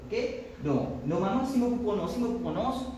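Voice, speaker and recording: A man from Mauritius with a Mauritian accent teaching a class, drilling words slowly and repeating them. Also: sits high, big pitch swings, warm tone, a little hiss or hum. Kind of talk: classroom lesson. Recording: very echoey classroom from far off.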